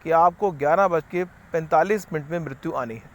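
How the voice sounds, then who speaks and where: This spiritual speaker is a man whose voice sits on the high side and moves a little fast. His talk is unscripted and rambling, full of repetition, with English words slipped into his sentences.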